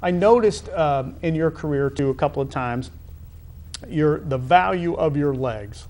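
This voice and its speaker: A middle-aged American man, a talk show host and high school athletic director, runs a conversational sports interview, putting questions to his guest emphatically. His voice is a little high and darkish, his pace a little slow.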